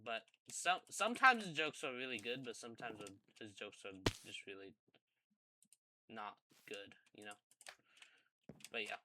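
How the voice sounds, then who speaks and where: A man's voice: mid-range voice, a little slow, long pauses, heavy background noise. A man telling a casual gaming story, rambling and hesitant with many ums and repeated words. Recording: loud keyboard typing and clicks behind.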